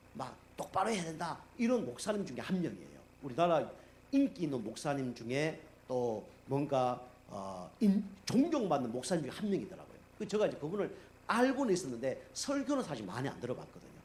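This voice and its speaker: A middle-aged male pastor preaches in a loose, chatty style, his pitch swinging widely as he acts out the people in his stories. His voice sits a bit high for a man. A faint hiss of room noise runs under the recording. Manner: animated, acts out quoted speech, many fillers. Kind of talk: conversational sermon storytelling. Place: church sanctuary.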